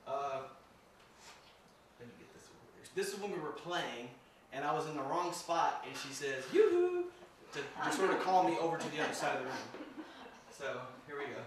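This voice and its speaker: A man's voice: a little high, moderate pace, a bit bright. A man giving a casual talk to a live audience, chatty, laughing often and repeating himself. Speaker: filmmaker and ghost hunter giving a talk. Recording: echoey room from far off, background noise.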